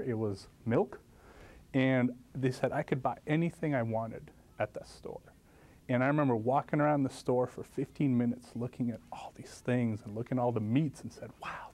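Animated professor from Lithuania, mellow voice. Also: male voice. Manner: animated storytelling, lively pitch jumps. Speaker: guest professor. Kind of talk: interview answers. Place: studio set, seated. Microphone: lapel mic.

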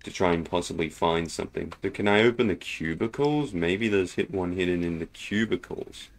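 A man hosting a casual horror game playthrough, thinking out loud and exclaiming at scares. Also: low voice, normal speed. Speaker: gaming video host.

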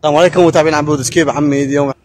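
Fast, fairly high-voiced Iraqi man. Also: fairly even intonation. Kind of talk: casual presenting to followers. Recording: noisy outdoor phone clip.

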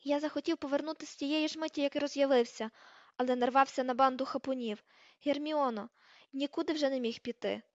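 A woman's voice: high-pitched, a little fast, no room sound, lightly acted. A woman reading an audiobook, voicing a sheepish teenage boy wizard who mumbles apologies and argues back. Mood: pleading. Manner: mumbling, pleading, shouting back. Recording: slightly dull, dry recording.

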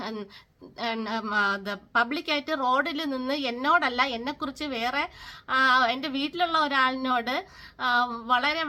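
High bright-voiced woman ranting bitterly. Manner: bitter, sarcastic, scolding. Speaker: vlogger. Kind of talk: angry personal vlog rant.

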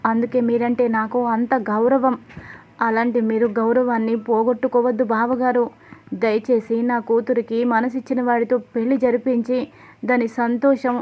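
A woman's voice: a little high, dull audio, lightly acted. A woman voicing a middle-aged mother who respectfully pleads with her brother-in-law on her daughter's behalf.

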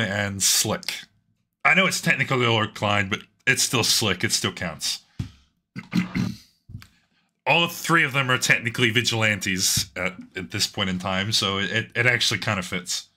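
An Australian man with a hoarse voice gives casual, excitable gameplay commentary, swearing freely and talking to himself as he plays. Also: mid-range voice, measured pace. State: hoarse, losing his voice. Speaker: gaming channel host. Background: game music.

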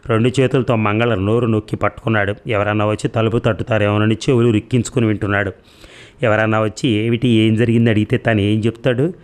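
Male audiobook narrator, low-pitched, calm and measured. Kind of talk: storytelling narration.

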